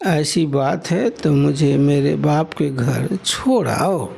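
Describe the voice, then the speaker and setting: Guy doing a pouty young village wife, nagging and touchy, lifts his low gravelly voice a bit for her. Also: slow, exaggerated voice. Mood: sulky. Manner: complaining, sharp and sulky. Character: young village wife, proud, quick to take offense. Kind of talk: audiobook novel reading.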